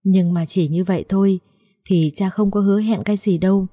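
A woman voicing a poor, gentle old father who speaks tenderly in a husky, tearful voice. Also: mid-range voice, steady tone, a little fast, dry recording, clean studio sound, lightly acted.

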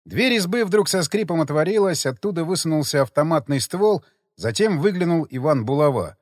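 A man narrating an audiobook in an expressive storytelling way. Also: on the high side, normal speed, no room sound, studio quality.

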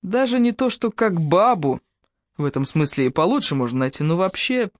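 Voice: mid-range voice, very animated, normal speed, no room sound, natural voice. Audiobook: reader playing crude, possessive man, swearing, menacing, dry studio read. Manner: coarse, threatening, swearing.

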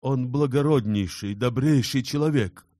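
A man's voice: low voice, a little slow, mellow, no room sound, clean studio sound. A man voicing an ardent young man weak from illness, passionate and exclaiming in an audiobook.

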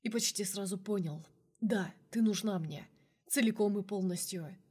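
A remorseful young man pleads softly and earnestly in an audiobook, read by a woman. His tone is tender and low-key, sitting at a middle pitch with no strain. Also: normal speed, breathy edge, natural voice. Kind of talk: audiobook character reading.

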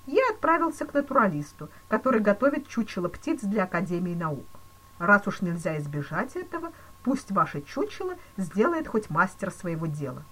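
Woman doing a solemn male police chief, grave and regretful, lively pitch, storybook. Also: moderate pace.

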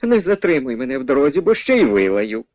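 A man's voice: mid-range voice, sing-song, quick pace, dry recording, lightly acted. A man voicing a stubborn old peasant widow who scolds and refuses to believe, in a dull, dry radio recording. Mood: scolding. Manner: scolding, disbelieving, sharp-tongued.

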